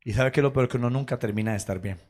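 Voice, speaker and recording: Man preaching with lively stories. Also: mid-range voice, rapid-fire. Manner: storytelling with acted quotes and laughter. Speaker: pastor. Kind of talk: sermon. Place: church.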